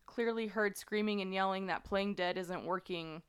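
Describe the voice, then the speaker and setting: Smooth-voiced woman telling a true-crime story. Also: medium pitch, normal speed. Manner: conversational, many fillers, earnest. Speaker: podcast host.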